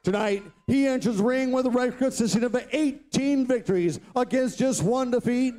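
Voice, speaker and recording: A man working as a ring announcer, giving formal, theatrical fight introductions in a lucha libre announcer manner with drawn-out words and names. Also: very high-pitched, dark tone. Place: boxing ring in a large indoor venue.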